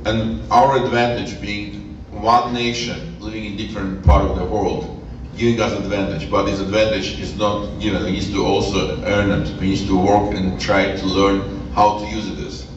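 A man from Armenia speaks English as an in a slightly low voice, earnest and halting, restarting his phrases. He sounds far from the mic in a big, very echoey hall. The recording is dull and lo-fi, with steady noise underneath. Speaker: guest speaker. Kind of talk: speech at an event. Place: large event hall.

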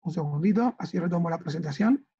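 An earnest rabbi with an Argentine accent teaches a religious lesson, pausing to ask whether his listeners follow. His voice is mellow and a little husky. The recording is dry and slightly dull. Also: fairly high pitch. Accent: Argentine Spanish.

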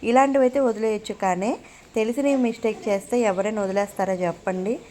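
A woman's voice: medium pitch, fairly quick, a little hiss or hum, rough recording. A woman in her thirties with a Telugu accent, a mother vlogging at home, questioning her child sternly and explaining things to viewers. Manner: stern, questioning, rising to loud scolding. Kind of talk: home vlog, scolding child and addressing viewers.

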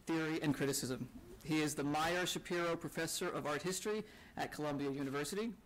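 A man with a somewhat high voice introduces a speaker at a lecture event. He reads a formal prepared text from the podium. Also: a bit bright, low-quality recording. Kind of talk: scripted introduction. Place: lecture hall.

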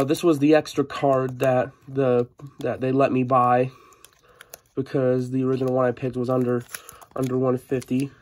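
A man with a stuffy, sniffling head cold hosts a casual unboxing vlog, talking with mild excitement. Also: mid-range voice. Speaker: host of a sports card unboxing channel. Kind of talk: casual mail-day vlog narration. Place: indoor room at a tabletop.

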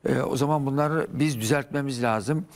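An older man speaks as a historian guest on a television talk set, his voice carrying a gravelly, creaky texture. He explains at length, filling gaps with hesitant sounds as he searches for words, in a professorial, patient manner. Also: mid-range voice, moderate pace. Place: TV studio.

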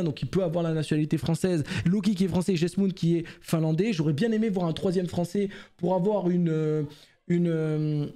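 A man's voice: high voice, mellow. A man hosting a casual esports news commentary, chatty and full of fillers and restarts.

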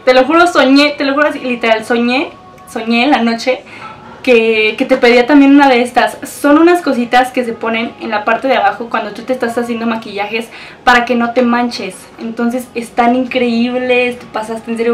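A woman's voice: a little high, distant mic, low-quality recording. A young woman with a Mexican accent, gushing and emotional as she unboxes a package for her vlog. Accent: Mexican Spanish. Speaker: beauty vlogger.

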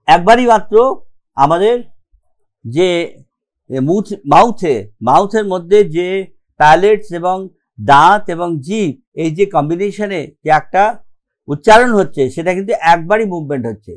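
A man's voice: sits high, animated, normal speed, long pauses. A man with a Bengali accent teaching a grammar lesson, explaining step by step and often checking with "okay?". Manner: mixes English terms into his explanations.

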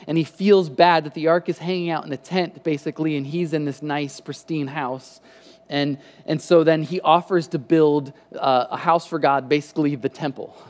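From a church stage lit with a patterned backdrop, a thirtyish pastor preaches conversationally through a headset mic, his voice slightly higher than most men's. He frequently restarts phrases while gesturing with his hands, and his words trail off in a long hall reverb.

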